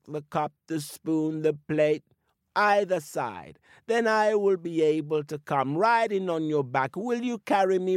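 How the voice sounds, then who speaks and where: A storyteller voicing a cunning trickster spider man who speaks in a high, wheedling voice and feigns weakness with coughs. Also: dry recording, studio quality.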